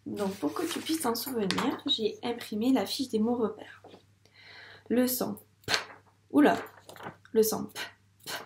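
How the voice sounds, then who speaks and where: A patient primary school teacher with a French accent sounds out syllables for young children learning to read. The teaching video is slow and clear, her mid-range voice has a darkish tone, and the recording sounds roomy.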